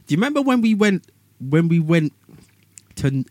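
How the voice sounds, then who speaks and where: A man's voice: on the high side, sing-song, moderate pace, darkish tone, no room sound. A man with a London roadman accent and slang, arguing emphatically in casual banter and often repeating himself. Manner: roadman street slang delivery.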